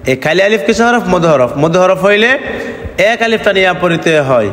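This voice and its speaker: Male reading teacher with a high voice, unhurried, chanting syllables in a roomy hall. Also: lively intonation, fairly bright tone. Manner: spells letters, then chants the syllables slowly; asks questions and answers them himself. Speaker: Quran teacher. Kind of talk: recorded reading lesson.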